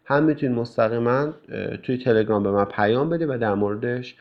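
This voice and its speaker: A male English teacher calmly explaining course tasks to students, with frequent fillers. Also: mid-range voice. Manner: calm, explanatory, with many fillers. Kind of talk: recorded class instructions. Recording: dull lo-fi recording.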